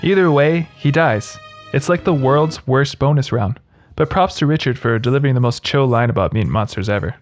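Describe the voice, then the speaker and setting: A man's voice: mid-range voice, brisk, soft background music. A man narrating scripted humorous commentary as a video host, in a sarcastic, mocking manner.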